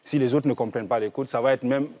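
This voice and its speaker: A man's voice: mid-range voice, mellow. Reflective male comedian guest in a studio. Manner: measured, reflective, hesitant restarts. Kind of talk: TV studio interview.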